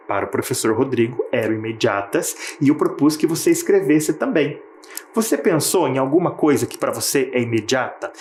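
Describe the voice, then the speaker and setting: A man's voice: fairly high pitch, darkish tone, roomy sound, slight background noise. A Brazilian Portuguese-speaking man teaching a televised lesson for children, patient and explanatory, often asking the viewer questions.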